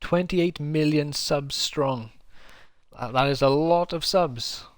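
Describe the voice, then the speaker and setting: A man's voice: fairly high pitch, slow pace, no echo. A man from South Wales with a South Welsh accent, chatting casually through a live game stream and answering his viewers. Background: game music.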